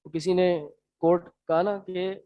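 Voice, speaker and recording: A man with a Pakistani Urdu accent teaching a lesson, quizzing his students in a brisk, encouraging way. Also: high voice, steady tone, no echo. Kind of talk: classroom lecture. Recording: dry, slightly dull sound.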